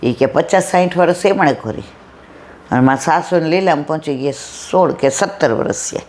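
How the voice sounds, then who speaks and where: A woman's voice: low voice, normal speed, darkish tone. Woman giving a storytelling devotional talk. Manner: storytelling, acting out dialogue, rhetorical questions. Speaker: satsang speaker. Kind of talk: devotional discourse with anecdotes.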